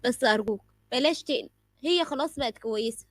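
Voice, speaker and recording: A woman's voice: sits high, fast, dry recording. A woman voicing an eager, worried young sister with an Egyptian Arabic accent.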